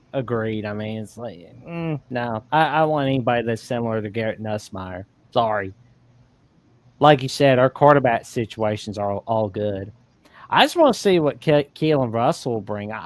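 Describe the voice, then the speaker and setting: Male co-host on a glitchy video call that keeps cutting out, mid-pitched, dry and close, loose casual talker. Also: no room sound. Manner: talks loosely with many "like"s and restarts. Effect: glitching, cutting-out call audio.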